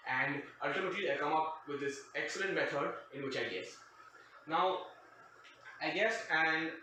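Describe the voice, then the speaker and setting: The voice is fairly high with a sharp tone, belonging to a storytime show host who tells a casual comic anecdote in a wry, sarcastic, digressive manner. He was raised outside the country where he currently lives. Expect faint noise and heavy echo from a distant mic.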